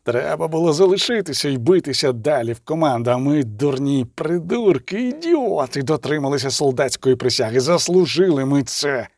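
A man's voice: on the high side, expressive, normal speed, few pauses, darkish tone, dry recording, studio quality. Man voicing a bitter, self-scorning elf officer.

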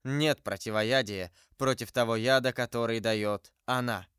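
Male narrator doing a grim, hushed musketeer, low, trembling. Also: fairly even intonation, unhurried, smooth, dry recording, studio quality, close to an everyday voice. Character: grave older male musketeer, brooding and restrained.

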